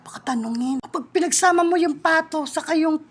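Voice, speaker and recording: A woman talking in a playful, teasing comic skit with quick back-and-forth. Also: high-pitched. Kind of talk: comedic skit with several voices.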